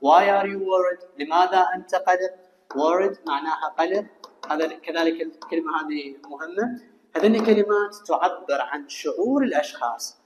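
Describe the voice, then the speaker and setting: A man with an Iraqi Arabic accent teaching English to students, reading phrases slowly and translating each one. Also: fairly high pitch. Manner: explains slowly, reads English phrases then translates them. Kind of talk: recorded classroom lesson. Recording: echoey room with long reverb.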